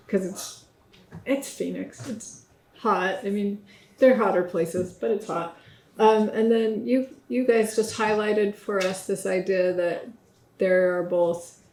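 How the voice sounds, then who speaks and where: A woman's voice: mid-range voice, darkish tone. Brief: middle-aged woman, workshop facilitator, sums up each point, recorded in a reverberant room. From United States. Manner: summarizing and inviting comments. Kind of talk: moderating a group discussion. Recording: echoey room.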